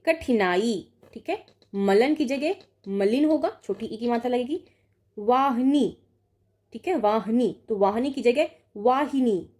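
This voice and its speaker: A woman's voice: fairly high pitch, a little mellow. A young woman teaching an online exam-prep lesson, reading out word pairs and correcting each one with frequent check-ins. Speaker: Hindi exam tutor.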